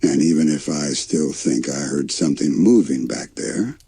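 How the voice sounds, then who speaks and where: A man's voice: rumbling low, normal speed, warm tone, slightly rough, full character voice. A man voicing a timid, worrying, sweet male panda in a bedtime story, hesitant and wry. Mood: nervous.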